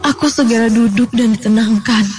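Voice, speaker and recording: A woman narrating a first-person horror story in a dramatic way, her voice climbing high with fear at the tense moments. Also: level tone, fairly quick, poor audio. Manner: dramatic, rising to frightened high pitch. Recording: music playing behind the voice.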